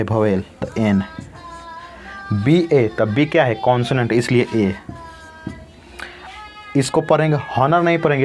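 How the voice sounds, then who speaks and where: A male teacher giving a grammar lesson, saying each word several times and answering his own questions as he goes. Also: mid-range voice. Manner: repeats words slowly, asks and answers own questions.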